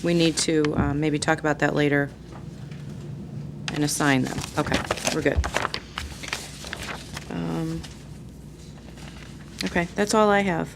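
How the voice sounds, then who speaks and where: A woman's voice: low-pitched, steady tone, slow pace, long pauses. A woman chairing a public agency meeting, talking informally through procedural business. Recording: clear background noise, meeting room.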